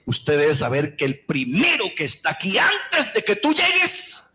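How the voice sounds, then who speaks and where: A middle-aged man with a Colombian accent preaching a sermon, telling stories with passion and moving from hushed tones to shouts. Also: fairly high pitch, wildly swooping pitch, normal speed, heavy background noise. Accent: Colombian Spanish. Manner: impassioned storytelling, swinging from hushed to shouting.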